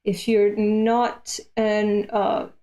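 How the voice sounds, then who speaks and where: A woman's voice: medium pitch, monotone, very slow, warm tone. A woman in her late twenties chatting casually on a live stream between comic readings, candid and self-deprecating, with casual swearing. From Europe. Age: late 20s.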